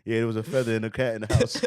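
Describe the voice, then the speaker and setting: New guy hosting a podcast, crude, loud, keeps cracking himself up. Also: mid-range voice. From Brooklyn, New York. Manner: loud, profane, laughing, mocking. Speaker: podcast host. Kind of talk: casual reaction commentary.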